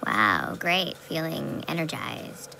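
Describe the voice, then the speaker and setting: Cartoon gloomy sorceress girl: low, gravelly, sardonic deadpan. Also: takes it slowly, exaggerated voice, rough recording. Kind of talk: animated cartoon voice acting. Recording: loud music over the voice.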